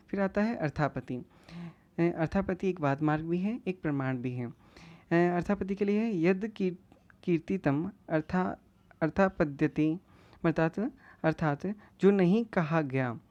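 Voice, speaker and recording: A woman with a low, mellow voice gives an exam-prep lecture, reading out each classical term and then explaining it in plain everyday words. The audio is dull and lo-fi. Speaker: teacher.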